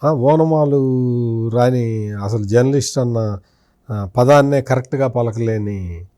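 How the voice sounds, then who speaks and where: A man's voice: mid-range voice, slow pace, warm tone, no echo, studio quality. A man, a senior journalist, giving accusing political commentary in an interview, firing rhetorical questions at an absent politician.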